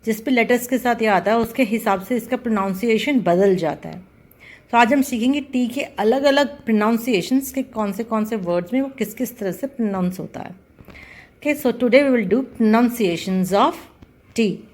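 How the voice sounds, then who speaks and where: In a video lesson, a woman with a slightly high, a little mellow voice teaches pronunciation. She speaks slowly and deliberately, repeating and spelling out each example word.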